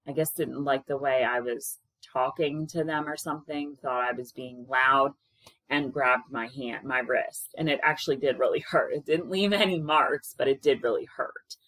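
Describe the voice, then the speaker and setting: Talking loudly to her webcam, a caregiver in her thirties offers frank, conversational advice based on what she's been through. Her voice is strikingly deep and carries well. She's in a small room with a plain wall, and the audio is dry with no echo.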